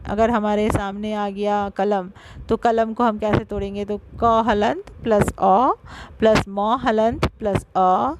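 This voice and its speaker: A woman teacher giving an online grammar lesson, talking straight to her pupils and slowing down to spell out sounds. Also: medium pitch, background noise. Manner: explanatory, addresses pupils directly, stresses syllables slowly.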